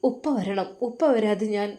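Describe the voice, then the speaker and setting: A woman voicing a stubborn young daughter who pleads softly while crying. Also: medium pitch, fairly even intonation, measured pace, natural voice. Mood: tearful. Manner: soft, pleading. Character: young daughter leaving home, tearful and stubborn.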